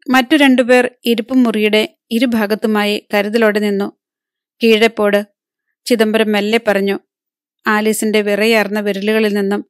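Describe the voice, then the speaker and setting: A woman narrates a novel for an audiobook in an even, steady storytelling read. Her voice sits at a middle pitch for a woman. The sound is close and dry, with no room around it. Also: no echo. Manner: even storytelling read, voicing characters' lines within narration.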